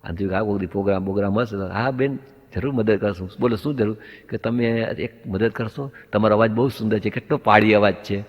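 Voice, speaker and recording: A man's voice: fairly low pitch, quick pace. A man doing stand-up comedy, telling anecdotes and acting out both sides of the dialogue up to the punchline. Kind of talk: stand-up comic storytelling. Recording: dull lo-fi sound with long hall reverb.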